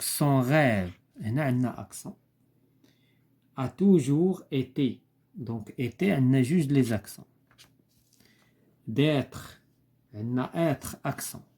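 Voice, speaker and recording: Mellow-voiced man teaching slowly. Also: mid-range voice. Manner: slow, careful dictation that repeats each word and switches to explanations in dialect. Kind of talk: classroom lesson explaining French accents.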